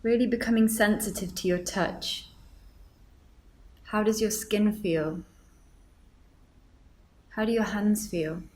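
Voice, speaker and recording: A woman with a mid-range voice leads a guided meditation, gently giving instructions with deliberate pauses.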